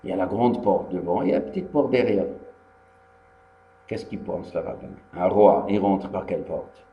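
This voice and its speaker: A rabbi from Tunisia gives a Torah lesson, telling the story in a lively way, acting out the dialogue and repeating the key phrases. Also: male voice, low-pitched, moderate pace, vocal fry, echoey room. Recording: dull lo-fi archive recording with faint hum.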